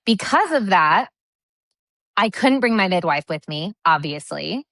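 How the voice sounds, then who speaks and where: A woman in her thirties, a podcast guest telling a personal story in a lively, chatty way, often saying "like". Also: lowish voice, measured pace, dry recording. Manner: animated, lively storyteller who acts out quoted dialogue, many fillers like "like". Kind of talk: casual storytelling interview.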